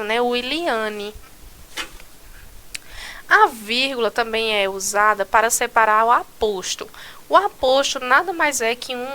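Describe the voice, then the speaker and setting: A woman's voice: on the high side, bright, forceful tone, smooth. A Brazilian woman teaching a recorded school lesson, explaining step by step and checking in often with "né" and "tá certo". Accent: Brazilian Portuguese.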